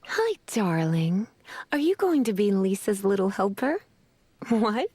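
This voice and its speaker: A woman's voice: mid-range voice, big pitch swings, very slow, warm tone, breathy edge, heavily acted. A woman voicing a teasing, flirtatious mature female librarian mage in a game dub, who calls people darling. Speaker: game character, English dub.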